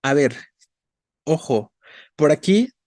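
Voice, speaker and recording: A man's voice: a little high, animated, darkish tone, dry recording, studio quality. A man teaching a Spanish grammar class, patiently explaining and checking in with his students. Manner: patient, checks in with frequent "¿no?" and "¿vale?"; spells out syllables slowly.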